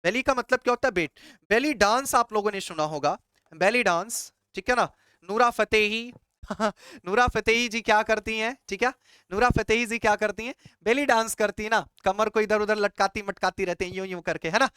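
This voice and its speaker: Chatty Indian male teacher, crisp dry voice. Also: high voice, normal speed, bright, forceful tone, dry recording. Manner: repeats questions to students and answers them himself; chatty, calls listeners brother and child. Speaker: English exam teacher. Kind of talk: lively classroom explanation.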